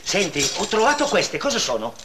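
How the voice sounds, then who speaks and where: An actor playing a naive, slow-witted male prisoner who stammers, in a 1960s film comedy. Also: high-pitched, huge pitch swings. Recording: noisy, roomy old film soundtrack.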